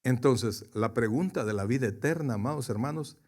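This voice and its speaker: A man preaching a sermon to his congregation, swinging from soft to loud and questioning his listeners directly. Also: mid-range voice, moderate pace. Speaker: pastor.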